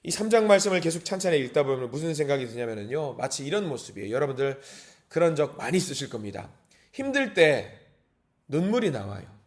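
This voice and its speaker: A high-voiced man preaches an early-morning sermon in a church. He drops to hushed, slow phrases, then rises to impassioned calls. The pitch sits well above most men's. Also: big pitch swings. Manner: impassioned, swings from hushed to crying out. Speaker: pastor. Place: church sanctuary.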